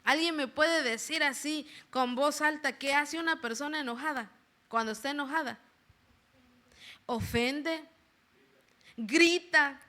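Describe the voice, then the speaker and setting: A woman's voice: sits high, a little slow, sharp tone. A woman giving a chatty church sermon who keeps checking in with a questioning "right?" and asks the congregation questions. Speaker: lay preacher. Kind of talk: conversational sermon. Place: church service.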